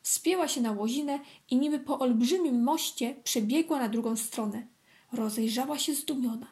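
Woman storyteller, high voice, calm, gentle, reading aloud to children. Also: moderate pace. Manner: calm, clear, gently expressive.

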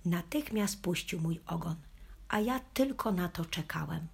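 Very breathy slow woman reading a story. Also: on the low side, lively intonation. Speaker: audiobook reader. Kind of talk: storybook narration in first person as a puppy.

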